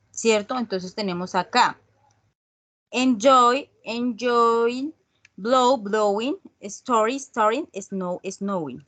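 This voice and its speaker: A woman teaching an online English grammar class in Spanish, patiently checking in with her students after each point. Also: a little high. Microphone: video call.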